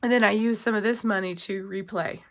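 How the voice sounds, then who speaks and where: Counting cash as she talks, a woman budgeting vlogger rambles casually, padding her speech with fillers. She's congested and coughing from a cold, speaking a little fast in a steady, fairly bright mid-range voice.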